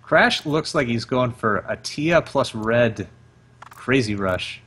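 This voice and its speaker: A man delivering play-by-play commentary on a strategy match, rattling off each build and attack in quick succession. His voice sits at an ordinary middle pitch. He talks with the easy flow of a seasoned caster. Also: lively intonation, a bit bright, breathy edge. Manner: rapid-fire calls of each move. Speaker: esports caster.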